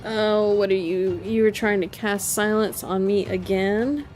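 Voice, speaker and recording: A woman's voice: mid-range voice, steady tone, a little slow, darkish tone, soft background music. A woman streaming a video game live, thinking aloud in casual commentary and laughing often.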